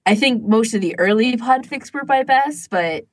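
Fairly high-pitched and animated, this woman talks at a moderate pace while co-hosting a fan podcast. It's easygoing chatter, full of "like" as filler.

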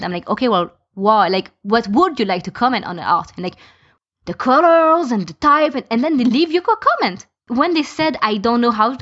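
A woman with a slightly high, fairly bright voice shares opinions in a relaxed podcast conversation. She's a fan podficker who explains her points by listing examples, and the recording is dull and lo-fi.

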